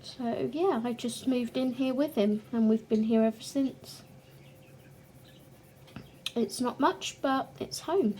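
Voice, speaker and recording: Hosting a colouring channel, a young woman talks casually to the camera in a fairly high, warm voice that is croaky and a bit breathless. She pauses occasionally to clear her throat, and a little hiss or hum sits in the background.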